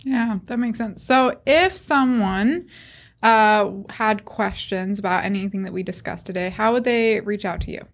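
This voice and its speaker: A woman's voice: mid-range voice, unhurried. A woman co-hosting a podcast in casual chat, with dry, teasing sarcasm. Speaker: podcast co-host.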